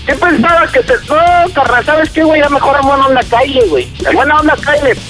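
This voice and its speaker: Brief: furious Mexican man, very high voice, slangy threats, faint music behind. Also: lively intonation, fairly quick, fairly bright tone. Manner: angry, confrontational. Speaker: prank call victim.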